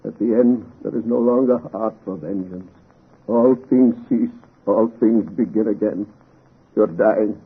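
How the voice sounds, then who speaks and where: A man's voice: lowish voice, unhurried, breathy edge, exaggerated voice. A man playing a tender, embittered monster with solemn theatrical delivery in a 1930s radio drama. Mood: mournful, solemn. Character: sorrowful male monster, tender and embittered creation. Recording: muffled, phone-like old radio recording.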